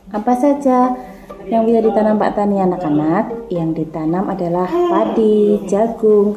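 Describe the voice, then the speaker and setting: A woman's voice: medium pitch, warm tone, roomy sound, lo-fi sound. A kindergarten teacher, a woman, teaching young children over radio in a sing-song way, asking them questions.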